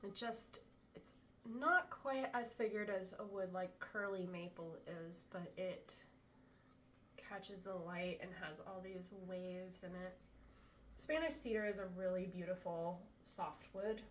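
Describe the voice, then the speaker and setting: Talking to the camera indoors, a woman from the US Pacific Northwest demonstrates the handmade flutes she makes, sounding slightly congested from a recent cold. Her lowish voice comes at a measured pace, relaxed and chatty with plenty of ums. The room echoes, and she's recorded from a distance off-mic with a little hiss or hum.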